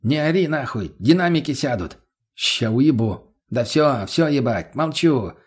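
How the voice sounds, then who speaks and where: Smirking crude addict, mumbling and lazy, played by the reader. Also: male voice, mid-range voice, animated, a little slow, slightly rough. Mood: sneering.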